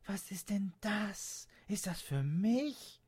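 Man doing a little girl, high pitch, breathy, husky, wide-eyed storybook child. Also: animated, slow, a little mellow, exaggerated voice. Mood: excited. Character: excited little girl turning eight.

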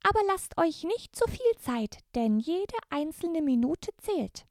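A tiny Christmas elf from a storybook, with a very high, bright voice and formal, courtly manners, polite yet urgent, as a woman reading aloud puts her on. She speaks slowly and clearly, and the sound is close and dry. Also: big pitch swings, no room sound, full character voice. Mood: earnest.

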